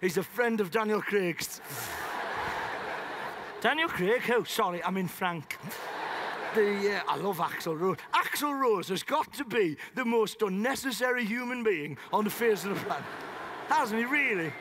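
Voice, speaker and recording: A man's voice: sits high, lively intonation, a little slow. A male comedian with a Northern English accent doing improvised stand-up on a theatre stage, rambling between tangents and laughing at his own jokes. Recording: live theatre with audience noise.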